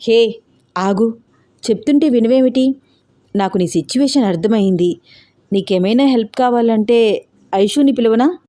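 A woman's voice: fairly high pitch, moderate pace, pauses often, warm tone, lightly acted. A woman voicing a persistent young man who coaxes and pleads. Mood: coaxing. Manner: coaxing, pleading. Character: young man, teasing yet caring, persistent.

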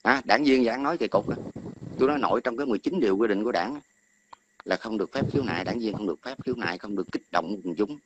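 A man's voice: on the low side, very fast, dull audio. A middle-aged man calls in to an online talk and scolds someone at length, often repeating words as he hunts for the next one. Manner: berating, repeats words while searching for them. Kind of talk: heated scolding rant. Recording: noisy line with clicks.

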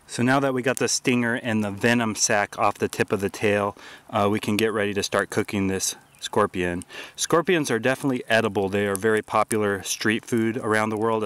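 Outdoors in a grassy park, a bushcraft host in his forties gives plain, matter-of-fact how-to narration on survival cooking, with frequent filler words. His voice sits on the low side and is clear, resonant and fairly bright.

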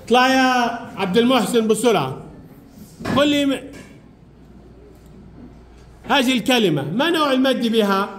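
A man's voice: very high voice, lively intonation, brisk, fairly bright tone, a little hiss or hum. A man teaching a primary school lesson in a classroom, firing questions, calling pupils by name and repeating their answers.

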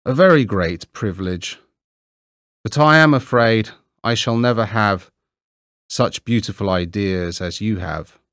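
A man's voice: lowish voice, a little slow, fairly bright tone, dry recording, studio quality. A man voicing a shy, timid, hardworking little man who speaks earnestly and meekly.

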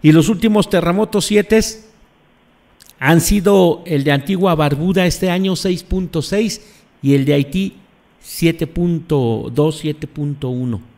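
Guy doing live commentary, kinda high voice, repeats himself for emphasis. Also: unhurried, creaky, darkish tone. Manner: emphatic, repeats phrases and questions the audience. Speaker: host.

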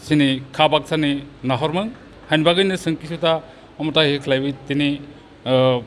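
A middle-aged man from Tripura with a Kokborok accent, the president of a sports committee, answering an outdoor interview with many pauses and fillers into a handheld mic. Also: a little high, steady tone, slight background noise. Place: open pavilion beside a sports ground. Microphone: handheld mic held by interviewer.

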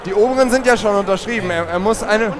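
A man's voice: sits high, fast. A man in his thirties hosting a live show in a casual, chatty style. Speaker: show host. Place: open booth at a games convention. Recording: trade fair hall with loud crowd.

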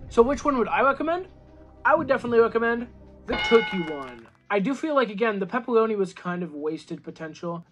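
Here a young adult man with a high, slightly bright voice does a casual food-review vlog. Sitting at a table in his small room at home, he talks to the camera opposite him about microwave food in a chatty, laid-back way, dropping plenty of "you know"s.

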